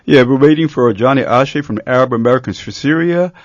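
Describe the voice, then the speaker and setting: A man hosting a live radio talk show, introducing a guest in a relaxed, hesitant way with many fillers. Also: mid-range voice, a little fast, no room sound, lo-fi sound.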